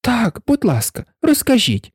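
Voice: medium pitch, huge pitch swings, measured pace, a little mellow, slightly rough, no echo, clean studio sound, pitched above the performer's own voice, heavily acted. A reader voicing a curious, polite young girl in a storybook, asking questions in an inquisitive manner. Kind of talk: storybook reading.

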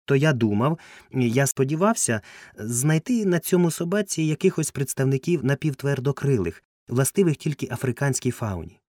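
A man voices a fussy, eccentric male entomologist who is pedantic and quick to take offense, pitching his medium-pitched voice above his natural one while staying close to an everyday voice. He speaks expressively at a normal speed with a darkish tone. The recording is dry and close, with no room sound.

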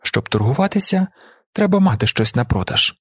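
A cunning male shapeshifter villain, as an audiobook reader puts him on, gloating and silky as he threatens. His voice sits a touch high and husky, close and dry, every bargain laced with menace. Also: very animated, moderate pace, no room sound. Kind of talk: audiobook character voice.

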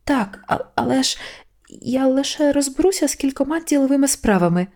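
A woman's voice: high voice, lively intonation, a little fast, a little mellow, voice pushed up. A woman reading a storybook voices a fussy, anxious male angel who hesitates and then panics. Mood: flustered. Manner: flustered, hesitant, rising into panic.

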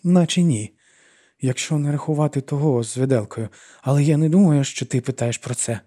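A man's voice: fairly high pitch, a little fast, mellow, pitched above the performer's own voice, close to an everyday voice. A man voicing an anxious young woman confessing in tears in an audiobook. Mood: pleading. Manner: pleading, self-pitying and tearful.

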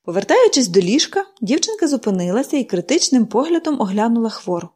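A woman narrating a storybook audiobook with an expressive, animated reading. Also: on the high side, fast talker, slightly rough.

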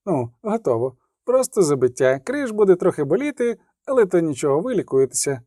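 A man voicing a talkative army field medic who speaks slowly and soothingly with deference. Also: sits high, very animated, dark tone, dry recording, clean studio sound. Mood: chatty, reassuring. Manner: chatty, deferential, slow and soothing.

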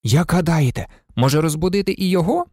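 An audiobook reader voicing an excitable, blunt teenage boy who blurts out his ideas eagerly. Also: mid-range voice, fast, no echo, clean studio sound, voice pushed up, lightly acted. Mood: casual. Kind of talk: audiobook character reading.

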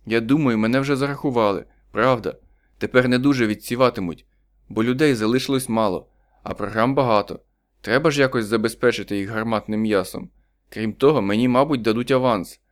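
A man's voice: mid-range voice, fairly quick, close to an everyday voice. A man reading an audiobook, voicing a desperate poor husband, tense and pleading.

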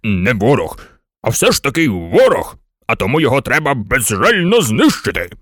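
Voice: mid-range voice, sing-song, moderate pace, a bit bright, no room sound, clean studio sound. A narrator voicing a hot-tempered male army general who barks orders in a storybook reading. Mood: irate. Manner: blustering, barking commands. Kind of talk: audiobook character voice.

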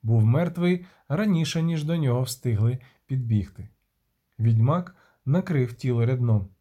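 A man narrating an audiobook with vivid, even-paced storytelling. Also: medium pitch, a little slow, breathy edge, dull audio.

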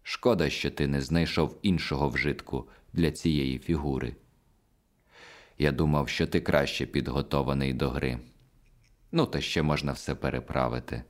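A gentle, mysterious host of a magic theatre speaks softly and reproaches mildly, as a male reader puts him on. The voice is extremely deep. It is an unhurried storybook telling. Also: steady tone. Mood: gently reproachful. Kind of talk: audiobook dialogue reading.

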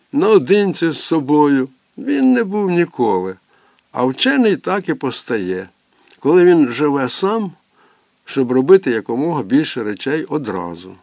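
A man narrating a literary audiobook in a measured, expressive storytelling manner. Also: mid-range voice, no room sound.

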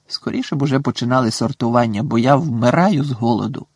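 A man's voice: medium pitch, quick pace, slightly rough, no room sound. A man voicing a grumpy, hungry teenage schoolboy who grumbles.

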